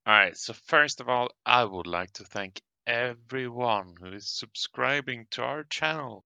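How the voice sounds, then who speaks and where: A man co-hosting a casual chat for his channel, easygoing and quick to laugh. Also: mid-range voice, gravelly, sharp tone, clear, resonant tone, no echo. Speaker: channel co-host.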